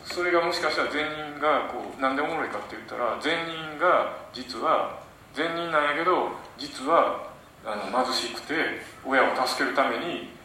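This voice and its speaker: A man's voice: on the high side, normal speed, a little hiss or hum. A man with an Osaka accent, a novelist giving a chatty live talk to an audience in a lecture room, full of fillers and questions put to the listeners. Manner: chatty and animated, many fillers, quizzes the audience. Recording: echoey room, mic at a distance.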